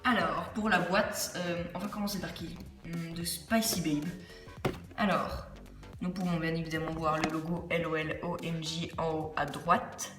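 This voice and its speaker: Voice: mid-range voice, level tone, unhurried, over music. A toy reviewer talking casually into a phone camera at home, chatty and rambling, often correcting themselves and dropping English words into the talk. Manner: mixes English words into French. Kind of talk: casual unboxing-style review. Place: at home with a ring light.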